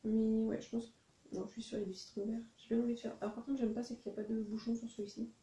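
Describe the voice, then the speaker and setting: A woman's voice: a little high, little pitch movement, fast, mellow, echoey room, low-quality recording. A woman vlogger chatting casually about a shopping haul, rambling and correcting herself as she goes. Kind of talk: casual chat.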